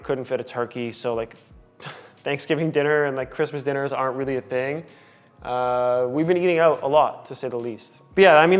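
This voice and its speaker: A young man, casually talking through a tour of his loft apartment in a relaxed way, with lots of filler words. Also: medium pitch. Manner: chatty, relaxed, full of "like" and "um" fillers. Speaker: vlogger giving a home tour. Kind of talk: casual home tour talk. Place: large loft apartment indoors.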